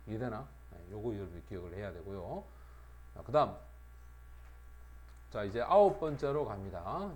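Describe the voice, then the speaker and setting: A man's voice: mid-range voice, darkish tone. A middle-aged man giving an exam-prep English vocabulary lecture, often checking with his students through tag questions. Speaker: English teacher.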